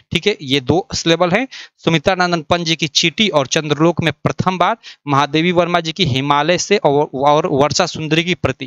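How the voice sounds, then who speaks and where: Man teaching a syllabus, slightly high voice. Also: a bit bright, smooth, dry recording. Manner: explains patiently, repeats "yahan pe dekho". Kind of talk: screen-share lesson.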